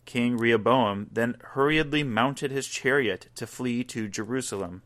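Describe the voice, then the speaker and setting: A man reading a scripture passage aloud in a measured, deliberate way. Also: mid-range voice, a bit bright. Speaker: scripture reader.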